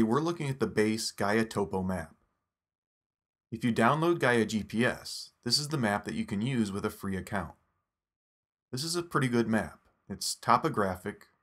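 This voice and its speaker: This scripted walkthrough of a phone app is narrated by a man with a fairly low voice at normal speed, explaining each step in a calm, instructional way.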